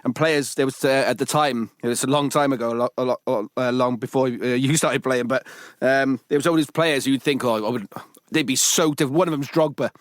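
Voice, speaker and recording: A man's voice: medium pitch, steady tone, brisk, dry recording, studio quality. A man interviewing in a casual, friendly chat, enthusiastic and informal. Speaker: interviewer, former footballer.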